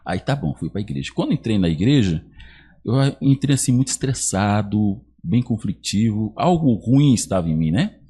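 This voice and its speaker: A podcast guest in his thirties from Brazil recounts his personal faith testimony. His voice is husky and his pitch swings a lot. He acts out the dialogue of his mother and uncle as he goes. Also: moderate pace. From Iguape, Brazil. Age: 30s. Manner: animated storyteller acting out quoted dialogue.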